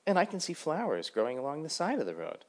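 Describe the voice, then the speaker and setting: A man voicing a calm, curious grasshopper with a friendly, lifted tone. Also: on the high side, fast, pitched above the performer's own voice. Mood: cheerful. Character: calm curious male grasshopper, easygoing wanderer.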